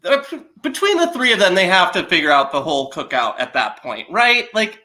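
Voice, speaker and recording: A man's voice: high voice, very animated, a little fast, sharp tone. A man co-hosting a casual podcast chat, making dry, wry remarks. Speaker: podcast co-host.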